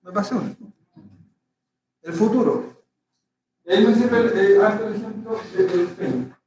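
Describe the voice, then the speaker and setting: A man's voice: sits high, moderate pace, warm tone. A man teaching a language class, explaining patiently and often checking that his students follow. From Chile. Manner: patient, checks understanding with frequent "¿cierto?". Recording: echoey, distant from the mic, faint noise.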